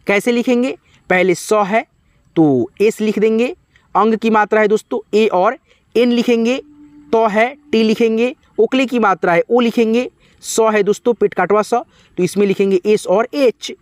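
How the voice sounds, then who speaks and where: A high-pitched man teaches a spelling lesson. He spells each name slowly, letter by letter. He keeps calling his viewers friends, and the recording is close and dry. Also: no echo. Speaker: English teacher.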